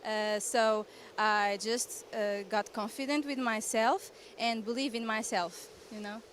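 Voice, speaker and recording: Higher-voiced Portuguese woman athlete in interview. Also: fairly even intonation, a bit bright. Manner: halting, self-correcting, simple phrasing. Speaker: athlete interviewed after winning a heat. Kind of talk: casual post-heat interview. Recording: faint outdoor ambient noise.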